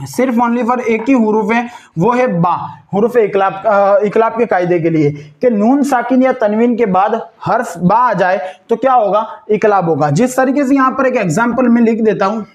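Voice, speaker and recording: A man teaching Quran reading step by step. He spells out letters slowly, syllable by syllable, and patiently asks questions that he answers himself. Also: high-pitched, lo-fi sound. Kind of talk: step-by-step recitation lesson.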